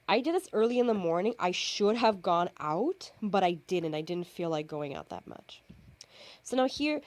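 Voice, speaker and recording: In her face-paint tutorial, captured on camera and phone, a makeup artist explains her work chattily, often fixing her wording and filling pauses. Her voice is on the low side and a little mellow, and the recording is dry.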